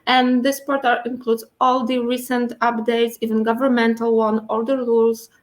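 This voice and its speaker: Higher-voiced woman talking with braces. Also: flat delivery, moderate pace. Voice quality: speaking with dental braces, slightly impeded articulation. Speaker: guest speaker, internal communications and IT professional. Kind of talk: explanatory interview answers.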